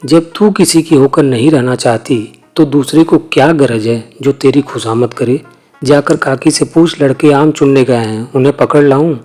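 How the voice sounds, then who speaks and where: A man's voice: medium pitch, normal speed, a little mellow, faint music behind, lightly acted. A man doing a brooding, bitter young husband.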